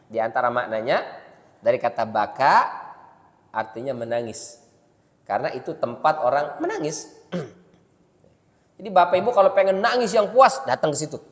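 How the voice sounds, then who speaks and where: A man's voice: a little high, expressive, unhurried, long pauses. Man preaching in a reverberant mosque. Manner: casual, humorous storytelling with rhetorical questions. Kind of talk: mosque sermon. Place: mosque hall. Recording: long reverb of a mosque hall.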